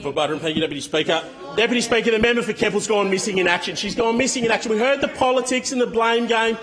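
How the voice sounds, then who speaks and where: A fast-talking Australian man with a high, fairly bright voice delivers a combative address in parliament as an opposition member. He repeats himself to hammer home his points.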